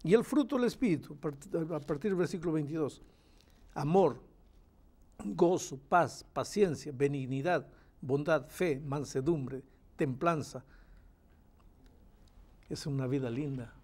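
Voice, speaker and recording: A man's voice: on the high side, unhurried, pauses often, darkish tone. A man teaching the Bible in a question-and-answer study, emphatic and repeating phrases for stress as he reads verses aloud.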